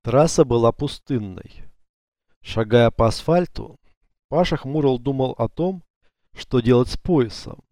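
A male audiobook narrator with a dark, mellow timbre who tells the story in an even, measured way. He sits close to the mic in a dry, dead booth with nothing behind him. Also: medium pitch, no echo. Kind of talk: scripted narration.

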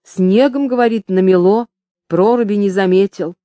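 A rash young nobleman who blurts out news in a hasty, chattering way, as a woman reader puts him on. His voice is mellow and dry. This is an audiobook of a historical novel. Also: medium pitch, normal speed, dry recording, close to an everyday voice.

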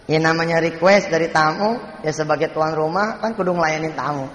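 A middle-aged man, preaching a sermon as a story told to the congregation in a lively, jokey way. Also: fairly high pitch, fairly quick. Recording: echoey hall with long reverb.

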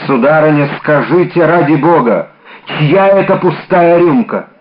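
A man voicing a grim, grave noble musketeer who speaks slowly and hoarsely, in an audiobook. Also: a little high, lively intonation. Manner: slow, heavy, sombre. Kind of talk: audiobook character reading. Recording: dull lo-fi audiobook recording.

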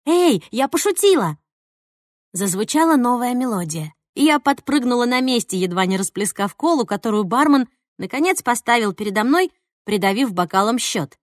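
A woman narrating a first-person audiobook with a higher voice that rises and falls freely. Her reading is playful and expressive. The recording is close and dry. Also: a little fast, no echo.

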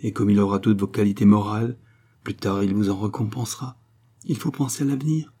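A man reading as a pompous middle-aged count who speechifies, pleased with the sound of his own words. The voice is dark and husky, a little raised, and rolls out grand phrases. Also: on the low side, fairly even intonation, brisk, close to an everyday voice. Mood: grandiloquent. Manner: grandiloquent, lecturing, full of himself.

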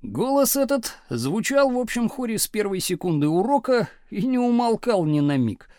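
Expressive high-voiced male narrator. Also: normal speed, dry recording, clean studio sound. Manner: expressive, dramatic storytelling. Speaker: audiobook narrator. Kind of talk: audiobook reading of a novel.

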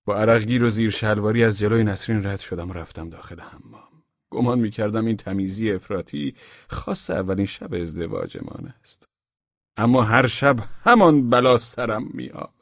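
A man narrating a humorous audiobook in a wry, expressive storytelling manner. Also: fairly low pitch, gravelly, no room sound, highs cut off.

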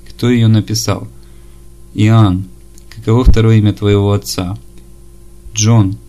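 A man reading an audiobook chapter, voicing every part in the same measured, level delivery. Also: on the low side, warm tone. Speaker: audiobook narrator.

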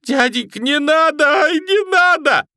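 A man's voice: fairly high pitch, expressive, a little slow, fairly bright tone, no echo, studio quality, pitched above the performer's own voice. A man reading an audiobook, voicing a frightened young boy thief who pleads and shrieks. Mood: terrified shrieking.

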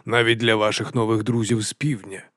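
A man voicing a fat, cheerful, half-mad male chieftain, drawling and sing-song, dropping to a hush and then booming. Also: level tone, fairly quick, no room sound, clean studio sound. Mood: jovial, unhinged. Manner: drawling and sing-song, swinging between hushed and loud. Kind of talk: audiobook character voice.

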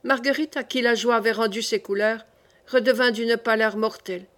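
A woman narrates a classic novel in a measured, steady reading voice. Her pitch sits a little above the usual, and her delivery stays even and clear. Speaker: audiobook narrator.

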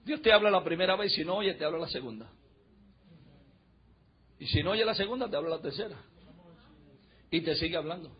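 A man preaching a fiery sermon in church, emphatic and preacherly, swinging from shouts to low murmurs. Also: expressive, a little fast, long pauses, slightly rough. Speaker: pastor. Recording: dull lo-fi recording.

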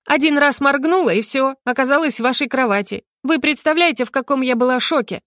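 A woman's voice: a little fast, dry recording, clean studio sound. A woman playing a flustered defiant young heroine. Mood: agitated. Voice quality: raised pitch, lively and indignant. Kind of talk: audiobook character voice.

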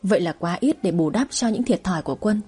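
A woman's voice: medium pitch, lively intonation, quick pace, warm tone, breathy edge. A woman storyteller voicing an earnest young adult son who pleads with his parents in a spoken audio story. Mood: hurt.

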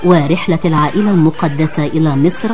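An Egyptian woman reading a scripted radio documentary as a formal, measured narrator. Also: low voice, a little mellow, soft background music.

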